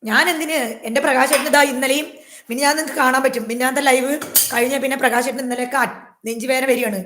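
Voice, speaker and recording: Fast, emphatic woman vlogger in an echoey room. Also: sits high, fairly even intonation, fairly bright tone. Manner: emphatic, repetitive, aggrieved. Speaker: YouTuber. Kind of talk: personal vlog monologue to viewers.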